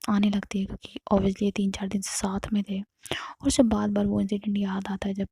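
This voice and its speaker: A woman telling a love story in soft, half-whispered narration. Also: mid-range voice, husky, no room sound.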